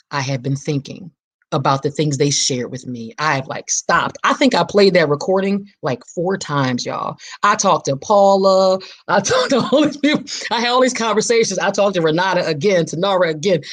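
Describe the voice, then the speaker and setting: A woman hosts her podcast alone, talking with a preacher's fire and repeating lines to drive them home. Her voice is husky and sits fairly low. It swings widely up and down in pitch. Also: lively intonation, moderate pace. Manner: preacher-like, emphatic, repeats phrases for stress. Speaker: podcast host. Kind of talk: impassioned solo podcast monologue.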